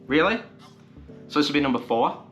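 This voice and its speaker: A man in the middle of a casual vlog, his voice sitting at an everyday mid pitch. He retells a string of frustrating phone calls, slipping into the voices of each side and letting his exasperation build. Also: fairly quick, fairly bright tone, faint music behind. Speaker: vlogger. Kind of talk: casual storytelling to camera.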